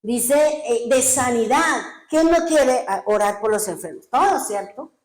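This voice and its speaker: A woman's voice: on the high side, expressive, unhurried. Emphatic woman pastor preaching in an echoey room. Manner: emphatic preaching with rhetorical questions. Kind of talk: sermon.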